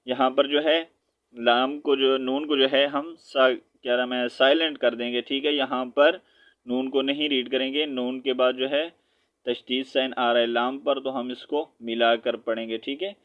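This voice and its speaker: A man with a Pakistani Urdu accent teaches Quran recitation, spelling out syllables and drawing out the recited words. His voice is smooth and resonant and stays on a flat, even pitch. The recording sounds a little dull. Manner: patient teacher, quick asides, slow drawn-out recitation.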